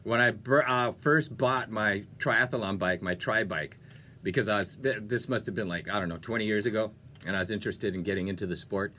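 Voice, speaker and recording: This radio host has a fairly low, bright voice with a forceful edge, speaks a little fast, and there's a touch of hiss or hum. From the studio, he runs a music show in a playful, chatty, upbeat way, dropping jokey asides.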